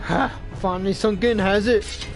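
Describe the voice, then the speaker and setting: A man's voice: high voice, steady tone, normal speed, over music. A man putting on a mocking, gloating thug. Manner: taunting, with a rough old-fashioned drawl.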